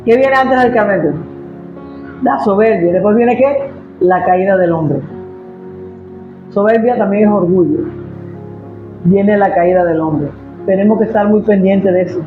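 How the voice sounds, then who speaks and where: High-voiced man preaching emphatically. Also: a little slow, pauses often, echoey room, narrow, tinny audio, music in the background. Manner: emphatic, asks the congregation questions. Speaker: pastor. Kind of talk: sermon. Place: church.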